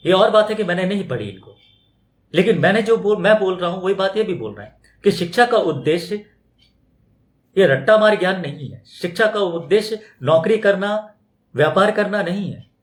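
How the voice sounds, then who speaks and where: A man with a fairly high voice gives a loose, conversational spiritual talk. He keeps posing rhetorical questions and slips into mimicking other people's objections. The recording sounds roomy and echoey. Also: animated, moderate pace. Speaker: spiritual teacher. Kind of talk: extempore spoken talk. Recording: roomy echo.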